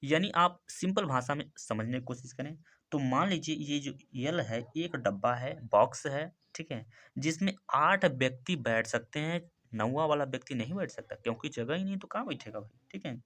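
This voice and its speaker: A man explains a chemistry lesson in a loose, chatty teaching style. He keeps asking himself short questions and answers them at once. His pitch sits in the middle for a man's voice. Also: expressive, fairly bright tone. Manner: repeats key terms as quick questions, says "ठीक है" and "भाई" often. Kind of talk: casual classroom explanation.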